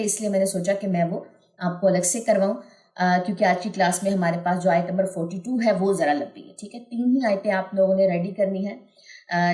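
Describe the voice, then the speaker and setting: A woman teaching recitation rules who explains each point, then stretches the syllables out slowly to model them. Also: mid-range voice, darkish tone. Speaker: Quran tajweed teacher. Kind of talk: recorded online lesson. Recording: roomy echo.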